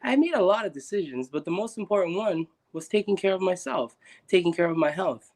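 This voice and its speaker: A man's voice: high-pitched, animated, fairly quick, a little mellow. A young man from Guatemala talking earnestly and reflectively as a guest, with many restarts. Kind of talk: casual conversation on a live stream.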